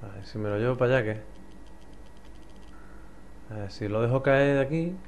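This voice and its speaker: A young man from Spain with a Spanish accent, playing a puzzle game and thinking out loud. His voice sits at an ordinary middle pitch, and he mutters, curses freely and snaps into loud frustrated shouts. A faint hiss of noise sits under the recording. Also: normal speed, vocal fry. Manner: swears a lot, mutters to himself, bursts into frustrated yells. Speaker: gameplay commentator. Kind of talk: let's play commentary.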